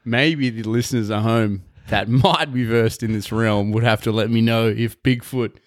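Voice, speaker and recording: A man's voice: on the low side, steady tone, moderate pace, no echo. A young man co-hosting a casual podcast, easygoing and joking with dry quips. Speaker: podcast co-host. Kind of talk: casual chat.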